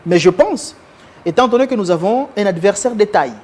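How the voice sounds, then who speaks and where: High-voiced man speaking formally. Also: expressive, darkish tone, husky. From Congo (DRC). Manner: formal, measured, lawyerly phrasing. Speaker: guest. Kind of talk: televised interview.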